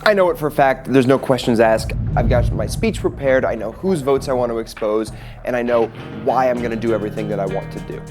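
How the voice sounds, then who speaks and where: A man's voice: mid-range voice, a little fast, over music. A man contestant in a confessional, speaking bluntly and sarcastically. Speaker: reality game contestant. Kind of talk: confessional interview.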